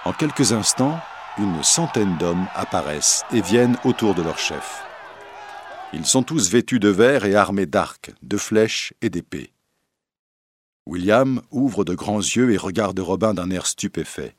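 A man's voice: measured pace, breathy edge, no echo, clean studio sound. A man reading a storybook aloud as narrator, giving the characters their own voices. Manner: lively, animated reading that lifts into higher voices for the characters.

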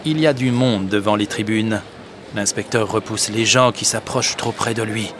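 A man narrating a story with a slow, clear, deliberate reading. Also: fairly low pitch, noisy background. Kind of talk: scripted audiobook narration.

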